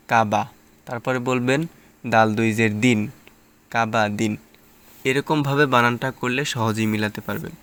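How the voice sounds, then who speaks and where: A man teaching Quran reading, sounding out letters and syllables in slow, drawn-out drills with quicker asides of explanation. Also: mid-range voice, fairly bright tone, smooth. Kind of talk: step-by-step spelling lesson.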